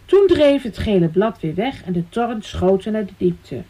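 A woman reading a children's storybook aloud in a soft, lilting manner. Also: medium pitch, lively intonation, moderate pace, husky.

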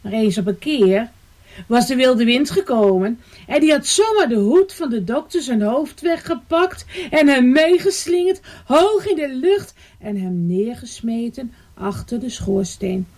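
Slow, lively woman reading a children's story. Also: fairly high pitch. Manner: slow, lively and sing-song.

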